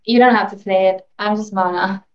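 A woman's voice: medium pitch, steady tone, a little fast. A woman in her forties from Norway, a chatty, friendly podcast guest. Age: 40s. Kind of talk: casual podcast interview. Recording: dull lo-fi sound.

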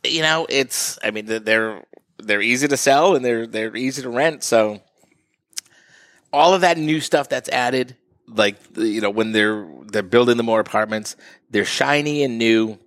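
A man's voice: medium pitch, unhurried, fairly bright tone, dry recording, clean studio sound. A man as the guest in a casual interview, explaining at length and acting out what buyers say. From northeastern Massachusetts. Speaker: real estate guest.

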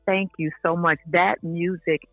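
A woman's voice: lowish voice, fairly even intonation, a little slow, no echo, faint music behind. A woman singer speaking as an interview guest, earnest and enthusiastic. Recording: tinny phone line.

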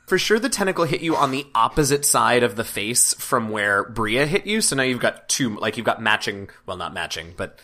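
A woman's voice: extremely low pitch, big pitch swings, normal speed, hardly any pauses, sharp tone. A woman narrating a tabletop role-playing game as game master.

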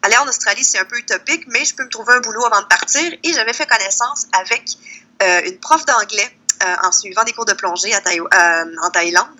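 As an interview guest, a woman from the Lac-Saint-Jean area of Quebec, Canada tells stories in a casual, animated way with a Québécois accent. Her mid-range voice is sharp and a little fast.

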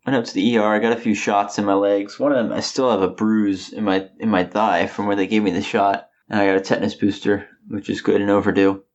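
A man's voice: fairly low pitch, little pitch movement, fast, few pauses, dull audio. A man in his late twenties, chatting casually as podcast co-host, with a slight lisp as he rambles through a story. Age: late 20s. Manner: slight lisp from knocked-out teeth. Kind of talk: casual chat.

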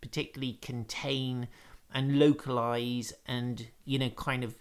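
A man who leads a church speaks at a mid-range pitch. His manner is affirming and encouraging, and he reminisces in a relaxed conversation about faith. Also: measured pace, smooth.

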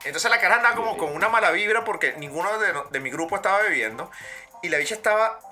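A man's voice: high-pitched, animated, fast, bright, forceful tone, faint music behind. A young man with a Venezuelan accent telling a story in casual, slangy, laughing chat.

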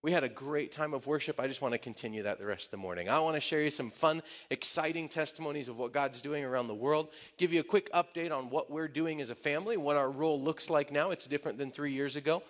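A man's voice: on the high side, fast, hardly any pauses, a bit bright. A middle-aged man preaching a sermon, recounting a testimony in a conversational storytelling way with frequent restarts. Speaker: missionary speaker.

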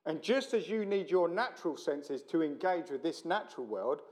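A man's voice: fairly high pitch, lively intonation, normal speed, darkish tone. A middle-aged man with a South London accent preaching in a chatty, joking, blokey and self-deprecating way, as a visiting speaker. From South London, England. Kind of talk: informal sermon to a church meeting.

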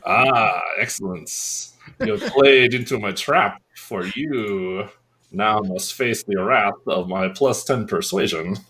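A man's voice: lowish voice, slow, bright, forceful tone. A man playing a tabletop game, using a mock-formal, pompous in-character voice with frequent uh fillers. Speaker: player. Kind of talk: in-character tabletop role-play.

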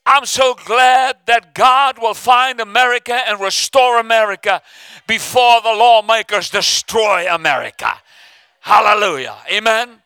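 An older pastor whose first language is Afrikaans preaches a sermon fervently in a high, very bright, smooth voice, a little slowly. He calls on the church to respond and acts out the inner voices he describes. The recording is close and dry, with no room sound.

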